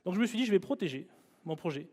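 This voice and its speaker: A man giving a humorous motivational talk at a live event, telling lively stories with jokes and asides. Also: high voice, fast talker, long reverb tail. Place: event hall before an audience.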